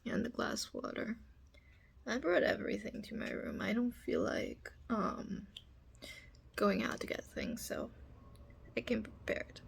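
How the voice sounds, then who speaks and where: A woman playing a bossy, gravelly roommate, whispered role-play. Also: a little high, huge pitch swings, a little slow, long pauses, full character voice. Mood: teasing bossy. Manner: teasing, commanding, soft whispering. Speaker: ASMR performer.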